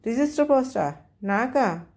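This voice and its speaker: A woman's voice: a little high, animated, a little slow, a little mellow, voice pushed up. Woman reading as a harried middle-aged husband in an audio story; exasperated.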